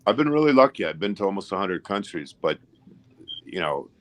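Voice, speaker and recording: A man in his fifties with a very low, deep voice gives measured, encouraging advice in relaxed conversation. He speaks steadily and seriously. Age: 50s. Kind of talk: casual chat.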